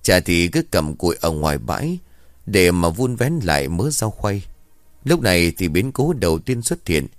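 A man narrating a rural ghost story in a steady, even storytelling manner. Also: sits low, normal speed, no echo.

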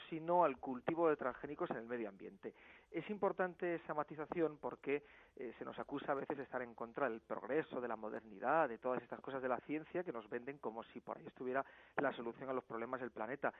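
A man's voice: mid-range voice, no echo. Firm man on a tinny phone line. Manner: firm, argumentative. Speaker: campaign spokesman. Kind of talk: phone interview.

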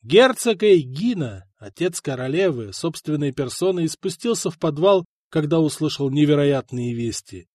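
A man narrating an audiobook in an expressive, dramatic storytelling manner. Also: on the high side, moderate pace, few pauses, no room sound, studio quality.

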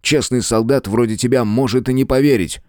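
A man voicing an indignant, determined gentleman scholar in an audiobook. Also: mid-range voice, a little fast, no echo, clean studio sound, pitched above the performer's own voice, lightly acted. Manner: indignant, heated.

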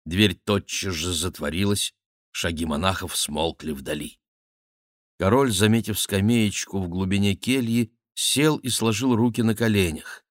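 A man narrating a historical novel as an audiobook, in a measured, even storytelling manner. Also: low-pitched, dry recording, clean studio sound. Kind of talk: scripted literary narration.

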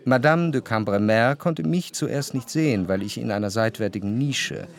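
A male actor voices the thoughtful, watchful first-person narrator of a German radio play, delivering lines in a measured, literary style. His mid-range voice carries some vocal fry and stays close to how he'd normally talk, with a reflective, wry mood.

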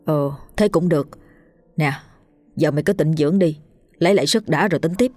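A woman's voice: sits low, brisk, darkish tone, no room sound, soft background music. A woman doing a blunt, scolding young coworker. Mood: blunt worry. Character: young man, a blunt, worried coworker friend.

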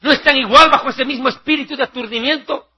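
A male preacher giving a fiery, mocking televised sermon, acting out shouting crowds. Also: extremely high pitch, fast talker, breathy edge.

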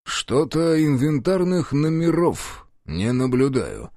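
A man reading an audiobook, voicing a blunt middle-aged police chief who shouts and mocks with gruff scorn. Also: medium pitch, big pitch swings, unhurried, no room sound, clean studio sound. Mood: mocking. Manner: gruff, scathing, shouting in anger.

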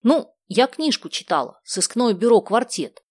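An excitable, impulsive schoolgirl, put on by a woman narrator in an audiobook. She bursts out high and loud, and the recording is dry. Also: measured pace, breathy edge, no echo, heavily acted. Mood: excited. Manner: excited, exclamatory.

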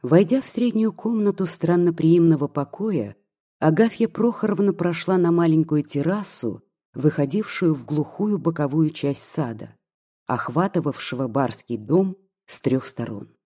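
A reader narrating a classic novel in a measured, steady way. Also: mid-range voice, husky. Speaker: audiobook reader. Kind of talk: literary audiobook narration.

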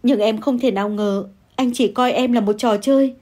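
A woman voicing a scheming young mistress who shouts, wails and pleads through tears. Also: fairly high pitch, steady tone, moderate pace, close to an everyday voice. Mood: tearful wailing.

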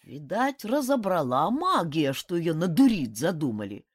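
A woman narrating a fantasy audiobook in an expressive, animated reading. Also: lowish voice, unhurried, slightly rough. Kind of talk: scripted narration of a fantasy novel.

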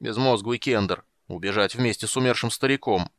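Guy reading as a cranky old dwarf from a fantasy audiobook, low gruff voice, huffy and loud. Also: brisk, dry recording. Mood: indignant. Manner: blustering, indignant outbursts. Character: grumpy old male dwarf, gruff and indignant.

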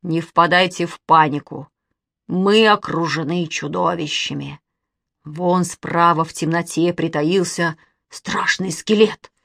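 A woman voicing a boastful boy who speaks in a slow, mock-ominous, self-important way. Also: on the low side, steady tone, gravelly, fairly bright tone, no echo, clean studio sound, exaggerated voice. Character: boastful boy Kostya, playing the brave explorer.

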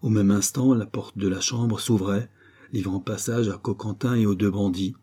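A man reading a serial novel aloud as audiobook narrator, measured and literary. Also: on the low side, steady tone, mellow, husky. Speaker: audiobook reader.

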